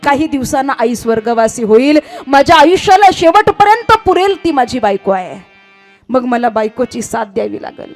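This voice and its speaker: Woman preacher, high voice, impassioned sermon storytelling, faint music behind. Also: big pitch swings, moderate pace. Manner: impassioned, swinging between soft and loud. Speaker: kirtan preacher.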